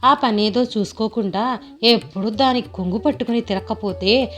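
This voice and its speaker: A woman's voice: fairly high pitch, normal speed, soft background music, close to an everyday voice. A woman voicing a chatty older village mother who complains at length about her son-in-law. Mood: complaining.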